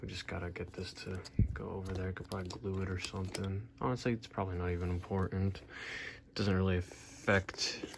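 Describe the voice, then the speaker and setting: A man's voice: deep voice, level tone, a little fast, vocal fry, noisy background. An American man talking casually and matter-of-factly through a hands-on repair, filming himself as he works. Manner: matter-of-fact, unscripted. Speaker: hobbyist repairing a Halloween animatronic.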